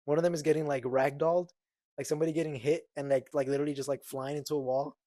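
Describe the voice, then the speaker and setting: A man's voice: on the high side, flat delivery, rapid-fire, mellow, dry recording. Young man, dry close podcast voice. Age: young adult. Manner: rambling, full of fillers and restarts. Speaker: podcast co-host. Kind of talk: casual chat.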